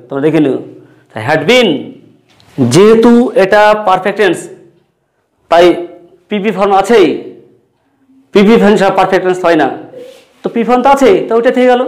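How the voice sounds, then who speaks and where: A man's voice: high voice, expressive, fairly quick, pauses often. A man with a Bengali accent teaching English grammar, asking questions and answering them himself while repeating key words. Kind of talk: classroom-style lesson.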